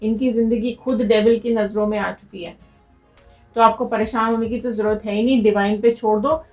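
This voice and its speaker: A woman's voice: a little high, fairly even intonation, a little fast, highs cut off, soft background music. A woman doing a tarot reading, urging viewers in a direct, motivational way. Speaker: tarot reader.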